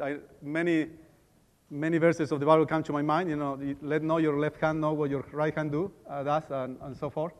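A middle-aged dentist from Argentina, whose first language is Spanish, gives a conference talk that includes a prayer. His fairly high voice is halting, with lots of fillers and restarts, and it echoes through the hall.

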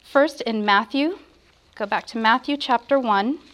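Brief: woman preacher at a pulpit microphone, measured and reverent, slightly high pitch. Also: a bit bright. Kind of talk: sermon with prayer and scripture.

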